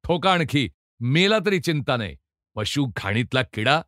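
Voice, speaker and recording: A man's voice: medium pitch, big pitch swings, a little slow, a bit bright, no echo, studio quality. A male narrator voicing a harsh prison superintendent who bellows insults at a prisoner in an audiobook reading. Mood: contemptuous. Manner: bellowing, scornful.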